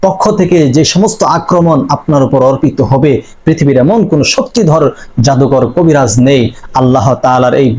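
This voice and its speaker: A man with a somewhat high voice teaches a religious practice. He sounds earnest and reassuring, and he repeats key phrases for emphasis as he addresses his viewers directly. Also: darkish tone, low-quality recording. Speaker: Islamic spiritual teacher. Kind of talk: devotional instruction to viewers.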